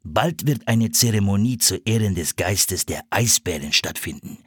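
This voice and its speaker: Patient storybook seal hunter, slow measured words, low husky voice, as a man voices him. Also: lively intonation, dry recording, studio quality. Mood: calm. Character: calm, kindly older male seal hunter.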